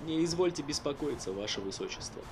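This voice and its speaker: A cheeky young thief hero. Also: male voice, a little high, animated, fast talker, noisy background. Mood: smug. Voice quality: cocky, playful. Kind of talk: animated film dub. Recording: film dub with music underneath.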